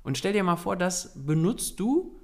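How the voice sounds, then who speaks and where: A man's voice: high-pitched, very animated, a little slow. A young adult man co-hosting a podcast, talking earnestly and urging listeners directly, with frequent fillers. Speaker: podcast co-host. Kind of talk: casual coaching talk.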